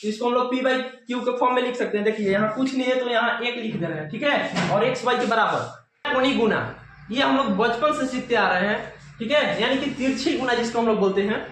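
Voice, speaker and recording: A man's voice: very high-pitched, a little fast, fairly bright tone. A young man teaching a maths lesson, repeating key terms and asking and answering his own questions. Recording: very echoey room with faint noise.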